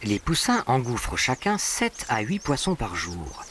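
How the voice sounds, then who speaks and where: A man narrates a nature documentary in a scripted, storytelling register. His mid-pitched voice moves through a lively range of intonation, with clear bird and animal ambience behind it. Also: a little slow, slight background noise. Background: birdsong and natural ambience.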